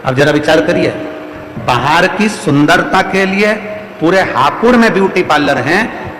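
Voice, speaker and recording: A man with a fairly high, slightly bright voice preaches a devotional sermon to a big outdoor religious gathering, speaking animatedly and a little slowly with a Madhya Pradesh Hindi accent. He repeats lines emphatically and rhetorically to drive home his point. The audio has slight background noise, an echoey hall sound with long reverb, and faint music.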